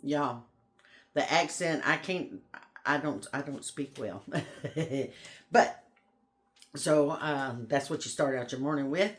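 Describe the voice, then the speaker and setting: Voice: mid-range voice, slow pace, pauses often. A homestead vlogger in casual, rambling chat to camera, folksy and friendly in phrasing and often saying y'all.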